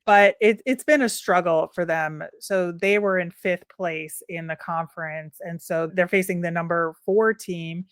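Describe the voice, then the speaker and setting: Low-voiced woman co-hosting a sports podcast. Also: a little slow, hardly any pauses, dry recording, clean studio sound. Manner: conversational, thinking aloud with fillers. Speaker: podcast co-host. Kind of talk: casual sports podcast chat.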